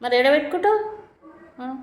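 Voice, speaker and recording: A woman's voice: high voice, lively intonation, normal speed. A young woman, chatting casually with a small child and coaxing answers with playful questions. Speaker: family member filming a child.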